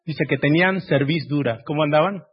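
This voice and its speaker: A man with a high, husky voice preaches a sermon and keeps putting questions to his listeners. He moves between loud, emphatic lines and hushed ones. The recording sounds dull and lo-fi. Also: fairly quick. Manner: asks the congregation direct questions.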